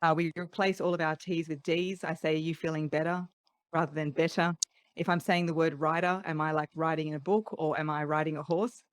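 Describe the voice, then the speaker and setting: Speaking a little fast in a low, steady voice, a middle-aged woman with an Australian accent chats as a voice coach guest in a casual podcast interview. She is articulate and laughs lightly between points, and the recording is dry.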